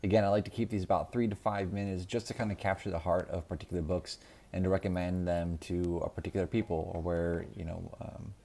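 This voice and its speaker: Brief: deep-voiced male reviewer, relaxed and unscripted, plenty of filler words. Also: quick pace, vocal fry. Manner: unscripted, many ums and restarts. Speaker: book reviewer. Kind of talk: casual solo video review.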